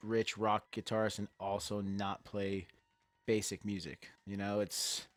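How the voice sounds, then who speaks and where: A man's voice: fairly low pitch, flat delivery, unhurried, no echo. Easygoing man hosting, dry close sound. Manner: easygoing, rambling with fillers. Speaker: podcast host. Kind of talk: casual chat about music.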